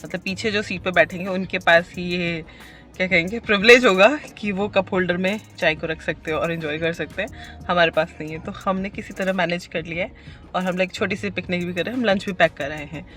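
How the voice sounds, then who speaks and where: A woman from India vlogging in a casual, chatty way. She mixes English phrases into her Hindi and tries to keep her pace slow and calm. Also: lowish voice, soft background music. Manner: tries to talk slowly and calmly. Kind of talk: casual vlog chat to camera.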